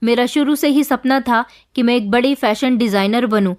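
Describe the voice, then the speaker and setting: A woman telling a scripted first-person story with a steady, even storytelling delivery. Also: on the high side, moderate pace.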